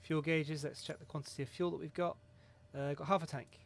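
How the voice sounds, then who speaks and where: Rambling through a pre-flight checklist for his flight sim video, a man chats casually, sometimes swearing and teasing himself. He speaks a little fast in a slightly high, creaky voice with a steady tone. A faint hiss or hum sits in the background.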